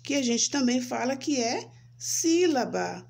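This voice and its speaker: A Brazilian woman teaching young children, speaking slowly and sounding out syllables, checking in with "né?" and "certo?". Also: high voice, lively intonation, creaky, darkish tone. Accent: Brazilian Portuguese. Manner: slow, spelling out syllables, frequent "né?" and "certo?". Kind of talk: children's lesson, slow and sing-song.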